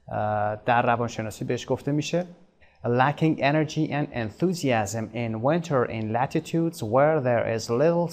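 A man teaching an English lesson in Persian. He reads the English example lines slowly and carefully, then explains them quickly, sometimes spelling words out letter by letter. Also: mid-range voice, darkish tone.

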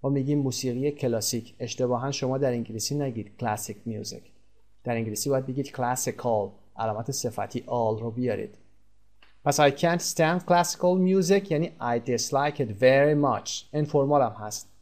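Male teacher, first language Persian, walks through English grammar step by step and stretches out the example phrases slowly. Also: mid-range voice, a little mellow. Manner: explains step by step, switches to slow drawn-out English examples. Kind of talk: recorded language lesson.

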